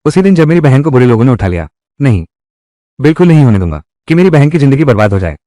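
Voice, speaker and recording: A man narrating a dubbed drama recap, speaking every part in the same voice. His pitch sits mid-range but moves up and down. The sound is dry and close, with no echo. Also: sing-song, quick pace, mellow. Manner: reads every part in one voice. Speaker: dubbing narrator. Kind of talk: Hindi drama recap dubbing.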